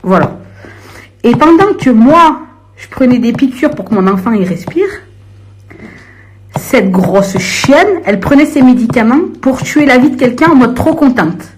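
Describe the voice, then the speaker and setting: A young woman ranting to viewers on a live stream in a confrontational, slangy way, swinging from low grumbling to shrill outbursts. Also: expressive, a little slow, a little mellow.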